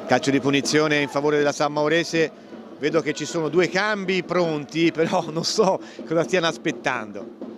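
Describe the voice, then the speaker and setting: A man's voice: fairly high pitch, moderate pace. An Italian man giving live play-by-play commentary on a football match. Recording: faint stadium crowd and outdoor noise. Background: football crowd and outdoor ambience.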